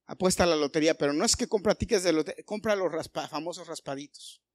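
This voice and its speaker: A male pastor preaching a sermon, animated and full of rhetorical questions aimed at the congregation. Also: on the high side, fast, no echo, studio quality.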